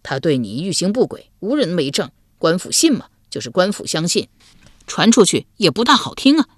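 A woman voicing a quick-tempered young man who bellows at an intruder and sobs in fear when in trouble, in a storytelling recording. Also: high-pitched, very animated, no echo, studio quality, full character voice. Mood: frightened. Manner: shouting, then whimpering and sobbing. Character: hot-tempered timid young husband, man.

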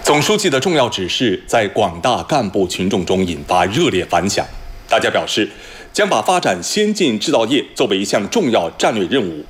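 A man reading scripted news as a formal anchor, measured and solemn, in standard Mainland Mandarin. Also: fairly low pitch. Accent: standard Mainland Chinese Mandarin.

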